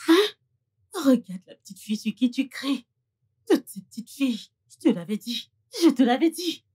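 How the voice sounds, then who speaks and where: A woman's voice: lively intonation, moderate pace, warm tone, husky, no echo, studio quality. A woman dubbing in French as a jealous, scheming young woman who mocks and betrays her best friend. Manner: mocking, shrill when screaming. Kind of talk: French film dub.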